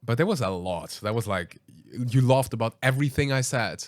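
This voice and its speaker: A man hosting a podcast, telling a story in a casual, animated way, acting out quoted lines and hesitating with ums and restarts. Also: mid-range voice, fairly quick, no room sound, studio quality. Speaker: podcast host.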